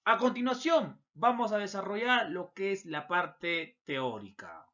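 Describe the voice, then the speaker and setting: A man's voice: high voice, lively intonation, measured pace, bright, forceful tone. A male Peruvian Spanish-speaking language teacher giving a recorded grammar lesson, talking straight to his students and asking their questions for them. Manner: addresses students directly and voices their questions himself. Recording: dull lo-fi recording.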